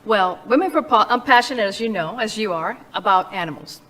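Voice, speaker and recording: A woman's voice: medium pitch, animated, fairly quick, a bit bright, rough recording. A middle-aged woman from Cuba, a charity founder and interview guest, speaking earnestly and passionately about her work. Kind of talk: interview conversation.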